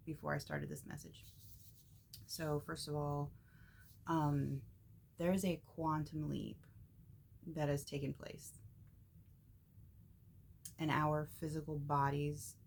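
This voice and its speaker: A woman hosting a spiritual message vlog, talking casually in a halting, tongue-tied way with many pauses and ums. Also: low-pitched, vocal fry, a little mellow, a little hiss or hum. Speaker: spiritual channel host.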